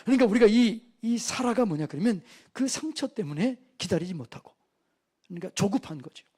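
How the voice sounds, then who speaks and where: A man with a high, expressive, warm voice and a breathy edge speaks fairly quickly while preaching a sermon at a church revival meeting. In call-and-response style, he poses questions to the congregation and answers them himself.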